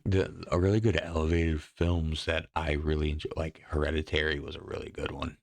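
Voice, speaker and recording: Man, very low voice, gravelly, profane exasperated rant, dry close sound. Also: flat delivery, fairly quick, a little mellow, no room sound. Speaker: podcast host. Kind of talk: casual ranting commentary.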